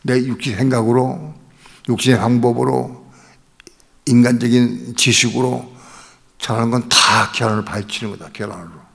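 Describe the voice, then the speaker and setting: A gravel-edged man in his sixties delivers a passionate evening sermon as the church's pastor. His voice rings out in a long church-hall reverb, sometimes rising into loud outbursts and sometimes sinking to hushed, low asides. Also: steady tone, normal speed. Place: church sanctuary during an evening service.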